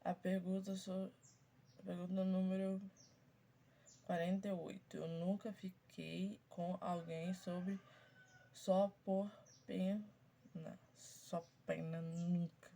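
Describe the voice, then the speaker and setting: A woman in her twenties with a stuffy, congested voice, chatting casually to her viewers as she slowly reads out questions and answers each one briefly. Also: lowish voice, flat delivery, gravelly, dark tone. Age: 20s. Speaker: YouTuber. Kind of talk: casual chat to viewers, reading out a question game.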